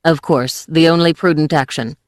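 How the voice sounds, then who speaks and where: An audiobook reader voicing a cold, calculating female alien commander in a flat, formal, threatening tone. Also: mid-range voice, normal speed, no echo, clean studio sound, natural voice. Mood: coldly formal. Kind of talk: audiobook character voice.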